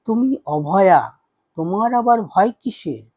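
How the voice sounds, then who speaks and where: A man's voice: sits high, lively intonation, measured pace, darkish tone, breathy edge, dry recording, exaggerated voice. A man voicing a fond, teasing female devotee. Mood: tender.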